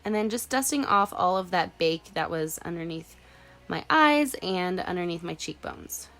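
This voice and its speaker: Lively intonation marks this lowish, fairly bright voice, a young woman in her twenties who sounds congested from a cold. She chats casually at a moderate pace through her makeup tutorial voice-over, full of "like," while faint music plays.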